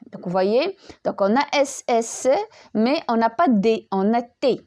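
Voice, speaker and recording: A woman's voice: fairly high pitch, lively intonation, unhurried, darkish tone. A woman teaching a French grammar lesson, patiently spelling out verb endings letter by letter and often repeating herself. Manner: repeats words and restarts often.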